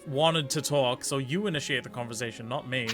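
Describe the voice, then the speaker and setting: A man's voice: medium pitch, a little fast. A young man hosting a game stream with casual, joking, theatrical commentary. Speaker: streamer, host. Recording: game music playing behind.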